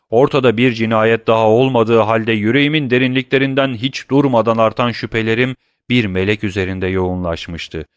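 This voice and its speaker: A man's voice: on the low side, clean tone, no echo, studio quality, lightly acted. A man reading as a stern, accusing prosecutor. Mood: cold accusing. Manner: forceful, cutting, accusatory. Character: stern middle-aged male prosecutor, coldly accusing. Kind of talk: audiobook reading.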